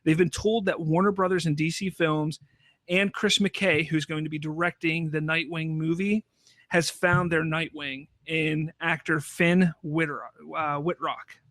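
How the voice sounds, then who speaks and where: A man hosting a podcast, chatting casually about film news in a halting way with repeated restarts. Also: fairly high pitch, level tone, fairly bright tone, dry recording. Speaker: podcast host.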